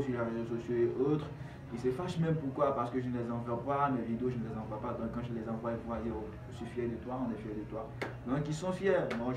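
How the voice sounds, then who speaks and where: Speaking far from the mic, a young man from Ivory Coast with a mid-range, slightly mellow voice gives relaxed interview answers as a rapper, using street slang. The room is echoey and the recording is clearly noisy.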